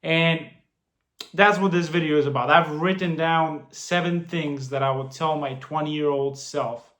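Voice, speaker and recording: Recorded with roomy echo, this man in his late twenties speaks a little slowly in a slightly high, steady, somewhat bright voice. He's a finance vlogger offering earnest, casual talking-head money tips, often repeating himself or starting phrases over.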